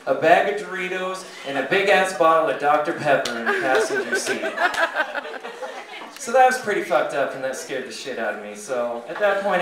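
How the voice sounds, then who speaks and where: Crude, profane man doing stand-up. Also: on the high side. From California. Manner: crude, profane, deadpan storytelling. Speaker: stand-up comedian. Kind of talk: stand-up storytelling. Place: comedy club stage. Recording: echoey club, distant mic, crowd laughing.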